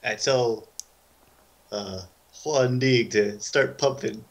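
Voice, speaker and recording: A man playing a tabletop game, talking casually in a hesitant, halting way. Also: mid-range voice.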